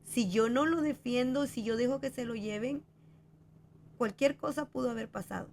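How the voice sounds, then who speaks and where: A woman's voice: a little high, normal speed, creaky, a little mellow, slight background noise. A woman talking in a reflective, conversational way, hesitating with fillers as she works through her thoughts. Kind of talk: conversational podcast talk.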